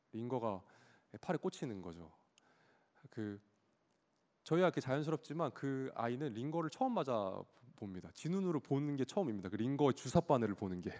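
Man, 30s, pastor, sermon storytelling, lively up-and-down voice, long hall reverb. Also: mid-range voice. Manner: storytelling, animated, acts out his child's cries.

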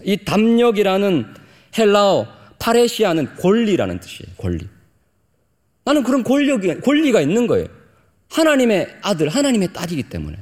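Middle-aged man, pastor, sermon, lively rising delivery, long church reverb. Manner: animated preaching with emphatic high-pitched peaks.

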